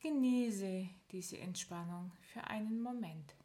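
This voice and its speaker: A woman speaking at a medium pitch leads listeners through progressive muscle relaxation. She keeps her instructions calm and sequential, and counts down slowly with long pauses.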